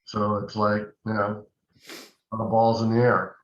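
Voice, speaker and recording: In a relaxed phone interview on an echoey, dull line, an older actor and acting coach meanders through anecdotes and asides. He speaks in a lowish voice, completely flat, at a measured pace.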